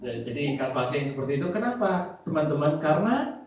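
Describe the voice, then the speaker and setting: A man delivers a motivational sales seminar in an animated way, tossing questions at the crowd and acting out bits of dialogue. His fairly high voice comes from some way off the mic and rings around a big echoing hall. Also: fairly quick. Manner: animated, quizzes the audience, acts out quoted talk. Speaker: insurance sales trainer. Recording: echoey hall, voice from far off.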